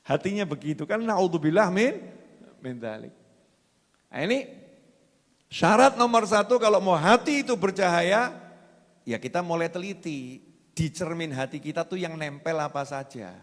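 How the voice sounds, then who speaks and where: A man with a Javanese accent preaching a sermon, swinging from soft asides to loud, animated passages and acting out quotes. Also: sits high, normal speed, long pauses, long reverb tail.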